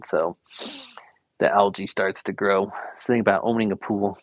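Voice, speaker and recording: Here the young man, an art teacher and variety streamer, talks at normal speed in a voice on the low side with fairly even intonation. The recording is dry, and he rambles casually with many fillers as he draws live at home.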